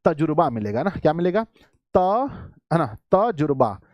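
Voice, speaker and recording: A man teaches a live online exam-prep class, urging his students along and repeating key answers. His voice sits fairly high for a man. The sound is close and dry, with no room around it. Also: big pitch swings, measured pace, no room sound, highs cut off. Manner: coaxing, repetitive, addresses students as children.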